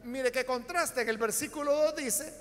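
High-voiced Salvadoran pastor in a reverberant hall. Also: male voice, normal speed. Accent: Salvadoran Spanish. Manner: explanatory, addresses the congregation with rhetorical questions. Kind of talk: Bible study sermon.

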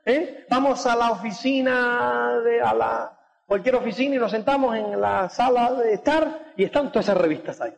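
A man with a very high-pitched voice gives a motivational talk to a seated audience. He keeps throwing in quick tag questions to check that his listeners follow. The recording carries the long, lingering reverb of a large hall. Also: gravelly. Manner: peppers speech with tag questions like "do you get it?"; acts out quoted dialogue. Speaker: motivational speaker.

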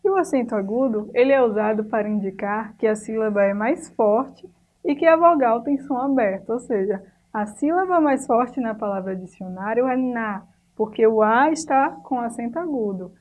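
A fairly high-voiced woman teaches a recorded lesson for young pupils. She speaks patiently, slowing down to draw out each example word, then checking in with the class. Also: animated, darkish tone, poor audio. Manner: patient, stretches out example words slowly. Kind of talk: recorded online class for children.

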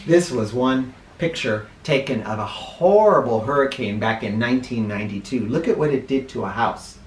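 With a mid-range voice, a middle-aged American man acts as reader and host of a children's picture book, sprinkling in spoken asides. His reading is expressive and dramatic with deliberate emphasis. The small living room gives a roomy, echoey sound, with slight background noise.

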